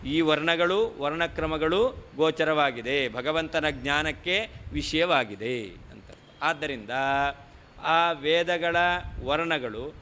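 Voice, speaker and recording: A man's voice: on the high side, pushed and bright, a little hiss or hum. A man teaching a scripture text in a traditional lecture, reading Sanskrit lines and explaining them, asking and answering his own questions. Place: lecture hall.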